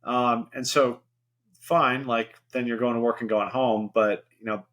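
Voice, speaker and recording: A man's voice: mid-range voice, steady tone, measured pace, a bit bright. A middle-aged man, a guest on a podcast, talking candidly in a casual, rambling way with lots of fillers. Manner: rambling, candid, full of "you know" fillers. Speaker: podcast guest, venture investor. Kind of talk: casual interview conversation.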